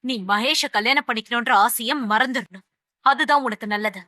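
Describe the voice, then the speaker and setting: A woman's voice: a little high, normal speed, sharp tone, no room sound, studio quality. A stern, firm lawyer mother. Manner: firm, lecturing, mixes in English phrases. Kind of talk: TV serial drama acting.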